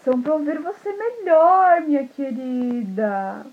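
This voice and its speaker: A woman voicing a sly, hungry male wolf who fakes a slow, sweet granny voice. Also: sits high, narrow, tinny audio, pitched above the performer's own voice. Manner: slow, drawn-out sweet disguise voice.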